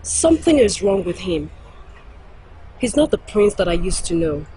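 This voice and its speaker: A woman's voice: lowish voice, big pitch swings, moderate pace, mellow, husky, heavily acted, poor audio. An actress with a Nigerian accent playing a stubborn, lovesick young woman who defends herself. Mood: defensive.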